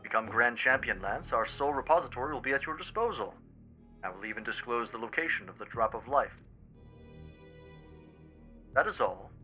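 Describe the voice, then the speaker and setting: A man reading a scheming, controlling male president through a voice changer, in a formal, measured and coolly commanding way. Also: mid-range voice, expressive, bright, forceful tone, faint music behind. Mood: cold, formal. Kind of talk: streamer voicing game dialogue.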